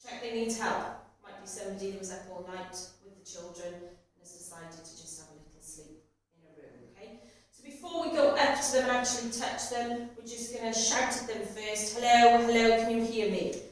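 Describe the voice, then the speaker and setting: A woman's voice: medium pitch, fairly quick, hardly any pauses. A woman teaching a practical first aid class, putting questions to learners in an instructional manner. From Cardiff, Wales. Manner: instructional, repeats learners' answers back. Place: echoey indoor training room. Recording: very echoey room, distant mic, faint noise.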